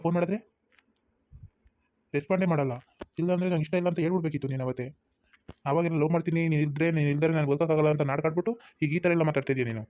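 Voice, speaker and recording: A man's voice: a little high, natural voice. A man voicing a young male college student who insistently demands an answer. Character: young male college lover, pushy and impatient. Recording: tinny phone-like sound.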